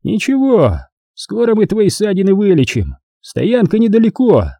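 A man's voice: high voice, very animated, moderate pace, warm tone, no echo, clean studio sound, pitched above the performer's own voice, exaggerated voice. A man voicing a huge, kindly clansman in an audiobook, urgent yet kind. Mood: gentle.

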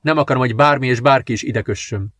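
A man voicing a gentle teenage girl who speaks softly and apologetically. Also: mid-range voice, no room sound, studio quality, natural voice. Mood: apologetic. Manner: soft-spoken, apologetic.

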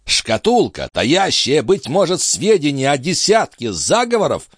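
A man's voice: on the high side, huge pitch swings, measured pace, slightly rough, no room sound, studio quality, voice pushed up, full character voice. A man voicing a flustered, resentful middle-aged police chief who stammers and pleads, in an audiobook. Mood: indignant. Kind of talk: audiobook character voice.

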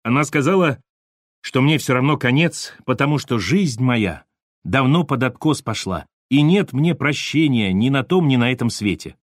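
A man's voice: medium pitch, animated, normal speed, no room sound, clean studio sound, natural voice. A man doing a sobbing, hysterical drunk. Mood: pleading. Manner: pleading, tearful, near-hysterical. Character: terrified male drunk electrician, hysterical, sobbing.

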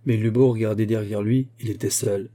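A man reading a fantastic folk tale aloud as narrator, in a lively storytelling manner. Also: fairly low pitch, fairly quick. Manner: lively storytelling, voicing the grandfather's lines.

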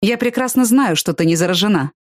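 A woman reading the lines of a calm, protective young man in an audiobook, in a steady, reassuring way. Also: medium pitch, fairly quick, no room sound, clean studio sound, close to an everyday voice.

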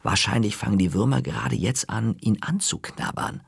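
A man's voice: on the low side, moderate pace, vocal fry, breathy edge, no echo, clean studio sound, full character voice. A man voicing a teasing older boy who wheedles and bargains, in an audiobook character voice. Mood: coaxing. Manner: coaxing, bargaining.

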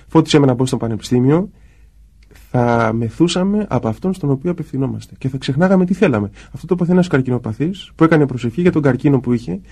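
Husky warm-voiced priest, lively talk. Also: male voice, mid-range voice. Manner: acts out quoted voices in lively asides. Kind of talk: conversational talk on prayer.

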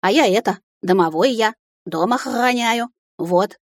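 A stocky, shaggy male house spirit with a burring R shouts and frets in a high, rustic voice, played by a woman narrator. The recording is dry and close. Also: unhurried, no echo. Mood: flustered. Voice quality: burring rolled R.

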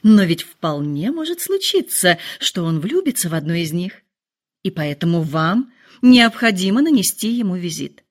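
A woman voicing an excitable, fretful middle-aged mother who speaks in high, gushing exclamations. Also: normal speed. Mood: excited.

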